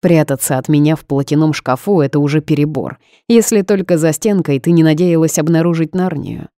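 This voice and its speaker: A woman voicing a smug, seductive male boss who speaks calmly and commands. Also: low-pitched, brisk, no room sound, clean studio sound.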